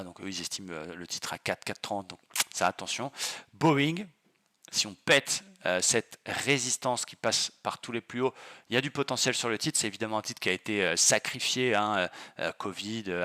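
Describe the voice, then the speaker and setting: A man's voice: lowish voice, pushed and bright. A man hosting his trading channel, talking through stock charts casually and eagerly, with many fillers. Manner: enthusiastic, exclamatory, many fillers.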